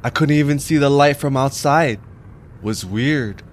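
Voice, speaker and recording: A man voicing an excitable young local man with a Hawaiian Pidgin accent in an audio story, with slangy, pidgin-tinged delivery. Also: mid-range voice, measured pace, a little hiss or hum, voice pushed up, close to an everyday voice. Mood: spooked.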